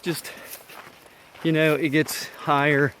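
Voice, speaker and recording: A man's voice: a little high, flat delivery, slow pace, a bit bright. A man filming himself as he hikes a mountain trail, talking casually, enthusiastic and a bit out of breath. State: out of breath from climbing. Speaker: hiker filming his trip. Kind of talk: casual vlog narration while hiking. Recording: noisy outdoor recording.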